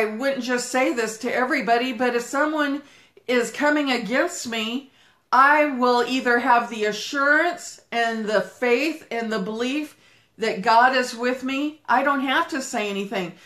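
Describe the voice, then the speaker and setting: A woman pastor giving a fervent livestreamed Bible teaching, talking fast as she walks and breaking into prayer. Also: a little high, a bit bright, echoey room. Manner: talks fast while walking.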